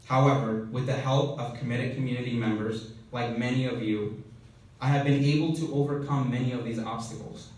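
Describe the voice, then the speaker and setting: A man's voice: medium pitch, steady tone, fairly quick, a little mellow. Young guy from honduras giving a keynote, mic far off in a big echoey hall. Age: young adult. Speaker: keynote speaker. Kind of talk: prepared speech. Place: event hall.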